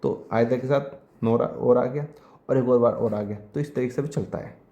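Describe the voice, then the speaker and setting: In an exam-prep English grammar lesson, a man with a mid-range, dark voice dictates example sentences slowly, repeating them word by word. The sound is lo-fi and reverberant.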